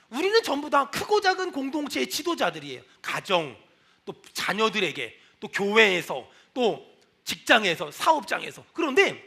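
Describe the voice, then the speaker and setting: High, gravelly-voiced man preaching. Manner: animated preaching, acting out quoted lines, shouted prayers. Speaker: pastor. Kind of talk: sermon. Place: church sanctuary.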